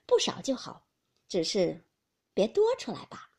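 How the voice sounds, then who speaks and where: A woman's voice: mid-range voice, wildly swooping pitch, unhurried, darkish tone, breathy edge, heavily acted. A woman voicing a shrewd, jealous noblewoman who mocks with cold insinuation. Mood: sly.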